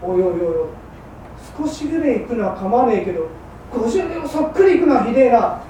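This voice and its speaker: A woman voicing a gruff old-Edo fishmonger. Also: fairly high pitch, very animated, fast talker, warm tone. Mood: indignant. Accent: old Edo Tokyo working-class. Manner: gruff, clipped, rough-spoken. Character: hard-drinking male fishmonger, rough, boastful, then repentant. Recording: roomy hall from far off, faint hum.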